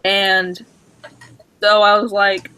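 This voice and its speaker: A man co-hosting a stream, telling a casual story with many restarts and fillers, and acting out the dialogue with excitement. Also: sits high, extremely slow, smooth, low-quality recording. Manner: acts out quoted dialogue excitedly. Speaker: stream co-host.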